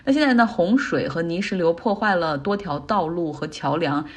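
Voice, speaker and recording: Middle-aged woman, podcast host; low, husky voice, easygoing chatty commentary. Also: moderate pace. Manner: chatty, explains English words in Chinese. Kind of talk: casual commentary.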